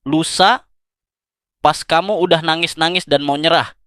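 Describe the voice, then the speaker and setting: A man's voice: fairly high pitch, unhurried, fairly bright tone, dry recording. A man giving scripted relationship advice, speaking directly and intimately to the listener.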